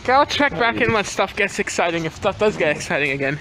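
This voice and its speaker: Very high-pitched young man vlogging in noisy rain. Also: fast. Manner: excitable, exclamatory, swearing. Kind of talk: casual outdoor vlog chat. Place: outdoors in a rainstorm. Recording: noisy outdoor rain and traffic ambience.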